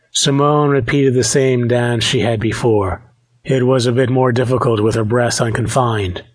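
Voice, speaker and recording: A man reading a romance audiobook aloud, in a steady, measured narration. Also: mid-range voice, breathy edge. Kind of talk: scripted narration.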